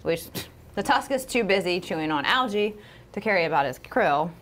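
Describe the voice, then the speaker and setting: A woman's voice: fairly low pitch, animated, moderate pace, a bit bright. A woman co-hosting a casual livestream, chatty and upbeat with lots of fillers while she demonstrates. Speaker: co-host of a livestream. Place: aquarium studio.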